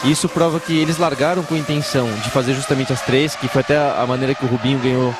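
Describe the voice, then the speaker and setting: A man's voice: mid-range voice, fairly even intonation, fast. A Brazilian man giving live motorsport commentary as an analyst, explaining strategy in a conversational way. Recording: loud engine and track noise. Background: race cars and track ambience.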